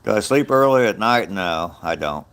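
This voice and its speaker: An American man in his sixties, a vlogger out on a walk, answers live chat in a fairly low, animated, slightly bright voice at a moderate pace. He rambles casually and reminisces easily, chuckling often.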